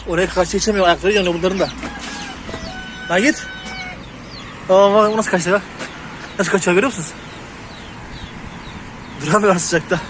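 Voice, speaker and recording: Man, high pitch, casual farm vlogger, outdoor chicken yard, loud background noise, shoos birds. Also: steady tone, fairly quick, pauses often. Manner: talks to the chickens and shoos them loudly. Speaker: poultry hobby vlogger. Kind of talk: casual chat to camera while doing farm chores. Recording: noisy outdoor sound with birds.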